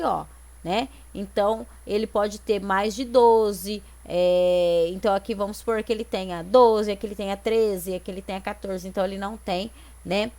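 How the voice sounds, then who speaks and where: A Brazilian woman teacher explaining exercises step by step in an online lesson, with frequent tag questions to check that her students follow. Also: mid-range voice. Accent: Brazilian Portuguese. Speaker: Portuguese teacher.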